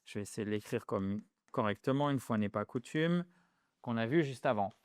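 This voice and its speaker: Male English tutor, playful and animated; smooth voice, dry close recording. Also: mid-range voice, normal speed, dry recording. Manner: animated, playful, shifts between French and English examples. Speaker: English teacher. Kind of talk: lively language lesson.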